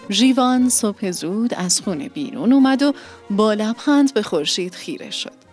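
A woman narrating a scripted story in a calm, measured and softly expressive way. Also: mid-range voice.

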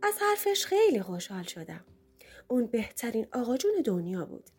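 Lively woman narrating a story. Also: on the high side, slightly rough, soft background music. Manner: expressive storytelling. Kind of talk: first-person story narration.

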